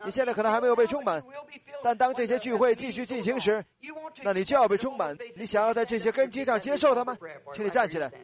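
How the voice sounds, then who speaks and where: A man with a high voice preaches a sermon that turns into an altar call. He speaks in an earnest, pleading way and keeps repeating short blessings over the congregation. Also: quick pace.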